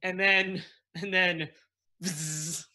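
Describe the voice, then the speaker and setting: A man's voice: high-pitched, moderate pace, bright, forceful tone. A man playing a tabletop game, casually describing what his character does.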